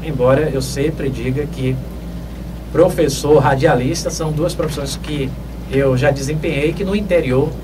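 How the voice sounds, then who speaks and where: Older man, radio host, lecturing, fairly high voice, noisy studio. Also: steady tone. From Northeast Brazil. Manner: measured, lecturing, with emphatic rises. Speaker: radio host answering listener questions. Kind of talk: advice talk on radio. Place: small dark radio studio. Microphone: studio mic on boom, heard from a distance. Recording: distant mic with clear background noise.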